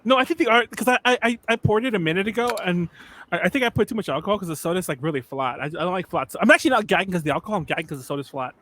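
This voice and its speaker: High-voiced young guy rambling crudely. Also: expressive, rapid-fire, fairly bright tone, slight background noise. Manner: rambling, crude joking, laughs often. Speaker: podcast co-host. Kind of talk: casual chat among friends.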